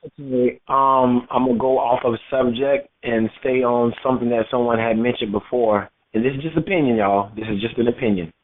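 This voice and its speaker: A man's voice: mid-range voice, fairly even intonation, a little fast, hardly any pauses. Man calling in on speakerphone. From Florida, United States. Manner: rambling, repeating words and restarting. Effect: on speakerphone over a phone line. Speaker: caller. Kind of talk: call-in talk show opinion. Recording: tinny phone-line audio.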